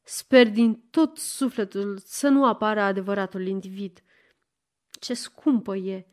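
A woman's voice: mid-range voice, close to an everyday voice. A woman reading an audiobook and voicing a polite, wry young man who keeps up a bluff. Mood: musing.

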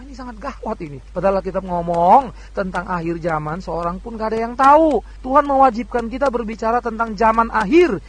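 A man preaching a sermon in a lively, conversational way, often turning to his listeners and acting out the voices he quotes. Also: high voice, husky. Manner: animated preaching, addresses listeners as "saudara", acts out quoted voices. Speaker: pastor.

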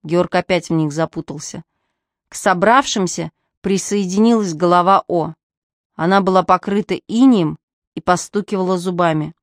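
A woman narrating a humorous audiobook with lively, wry storytelling. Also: lowish voice, moderate pace, no echo, clean studio sound.

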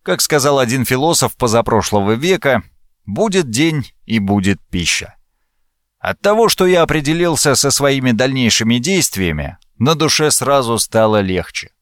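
A man reading a first-person fantasy audiobook as narrator, with expressive, lively intonation. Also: mid-range voice, moderate pace, no echo, studio quality.

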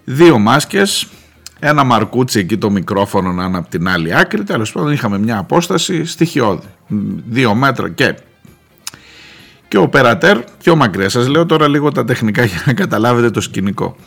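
A man hosts a radio commentary show, telling a wry anecdote in a very animated way. His voice is gravelly and swoops up and down. Faint music runs in the background of the studio mic. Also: medium pitch. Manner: animated, wry, mimics the people he quotes.

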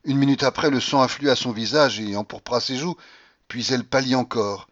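A man narrating a classic novel as an audiobook, in a measured, expressive reading. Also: mid-range voice, lo-fi sound. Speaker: audiobook reader.

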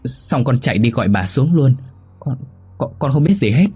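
A man's voice: medium pitch, lively intonation, normal speed, mellow, breathy edge, faint music behind, voice pushed up. A man voicing a frightened young servant girl who stammers.

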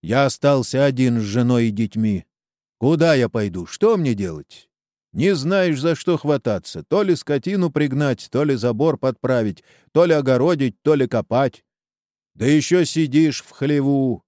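A man's voice: medium pitch, expressive, normal speed, dark tone, dry recording, studio quality, pitched above the performer's own voice, close to an everyday voice. A man voicing a weary, indebted peasant farmer who talks in a rueful, plain-spoken way, in a storybook reading.

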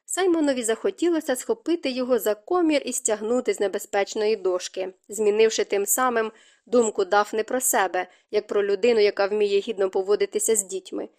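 A woman narrating an audiobook with even, expressive storytelling. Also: medium pitch, a little fast. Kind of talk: scripted narration.

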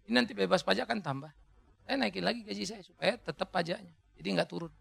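A man preaching a sermon as pastor, lively, joking with the congregation and rising to shouted climaxes. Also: high voice, quick pace, creaky, breathy edge.

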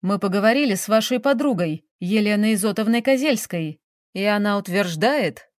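A woman's voice: medium pitch, moderate pace, no room sound, close to an everyday voice. Woman doing a stern sarcastic male investigator. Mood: monotone. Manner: dry monotone, lecturing.

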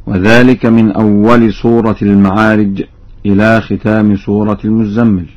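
A man with an Egyptian accent explains Quran reading variants on radio. He chants each quoted verse slowly and melodically. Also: lowish voice, darkish tone. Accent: Egyptian Arabic. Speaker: Quran recitation teacher on radio. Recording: dull lo-fi radio broadcast.

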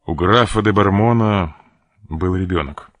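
A proud, wounded buccaneer, voiced by a man reading an audiobook, speaking with measured, bitter reproach. The voice sits deep and low. The recording is dry and close, with no room sound. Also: a bit bright, dry recording, dull audio. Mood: stern. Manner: stern, measured, cold reproach.

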